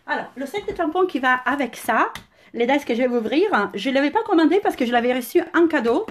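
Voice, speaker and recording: Filmed on a phone camera at home, an Italian-accented woman unboxes crafting products on a casual live stream. Her high-pitched voice is animated and enthusiastic, and she frequently pauses on "euh".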